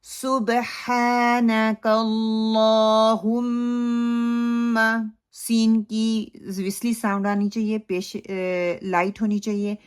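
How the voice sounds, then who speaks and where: A woman giving a recitation lesson. She speaks at a mid pitch, explains each sound patiently and then recites the phrase in long, drawn-out syllables. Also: little pitch movement, darkish tone. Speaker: Quran recitation teacher.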